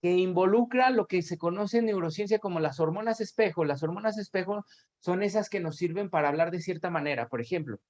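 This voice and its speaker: A man from Aguascalientes, Mexico, with a Mexican accent, gives an academic lecture over videoconference, explaining at length with tag questions and self-corrections. His voice is high-pitched, fairly quick and a little mellow. The video call audio is dull and lo-fi.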